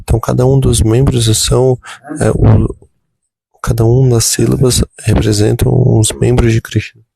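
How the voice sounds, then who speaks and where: A Brazilian-accented man interprets a spiritual talk live, restating each point in a steady, explanatory way. His voice is gravelly and husky, with a dark, mellow tone. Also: medium pitch, moderate pace. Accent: Brazilian Portuguese. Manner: steady, explanatory, with fillers like "então" and "né".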